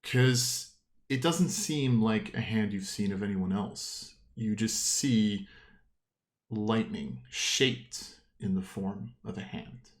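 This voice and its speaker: Low-voiced man as game master. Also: takes it slowly. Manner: descriptive, conversational. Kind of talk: improvised tabletop game narration.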